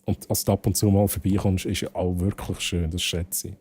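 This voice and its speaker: A man's voice: low voice, flat delivery, brisk, darkish tone, husky. A man with a Swiss German accent chatting casually with his livestream viewers, rambling and repeating phrases, with some English words slipped in. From Switzerland. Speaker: game livestreamer. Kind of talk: casual chat with stream viewers.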